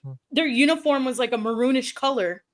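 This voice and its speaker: A woman's voice: high-pitched, animated, brisk. A woman whose first language is not English, chatting casually as a podcast host, with a slight lisp on some words. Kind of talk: casual chat.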